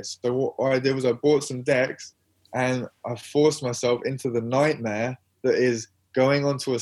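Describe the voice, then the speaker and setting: A young man chatting as an interview guest, rambling and self-mocking, laughing often as he talks. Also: medium pitch. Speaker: interview guest, musician and filmmaker. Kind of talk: casual interview chat.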